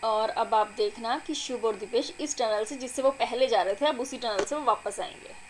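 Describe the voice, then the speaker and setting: A young adult woman, a vlogger and mother, narrating her family video in a chatty, doting, excited voice-over. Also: a little high, moderate pace, slight background noise, poor audio. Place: recorded apart from the filmed scene.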